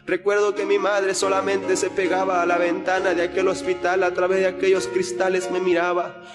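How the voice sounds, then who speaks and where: A man's voice: high voice, monotone, a little fast. A young man earnestly giving a spoken religious testimony, retelling events with repeated phrases. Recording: long hall reverb with faint music.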